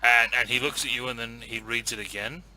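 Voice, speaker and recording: A man's voice: medium pitch, fairly even intonation, brisk, bright, forceful tone, a little hiss or hum, poor audio. A man narrating as game master in a tabletop game, easygoing and hesitant, often saying "kind of".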